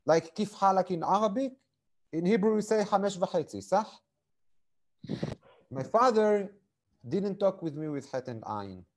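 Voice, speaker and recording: A man's voice: high-pitched, sing-song, unhurried, pauses often, rough recording. A man, a guest on a video call interview, talking hesitantly and repeating words as he searches for them.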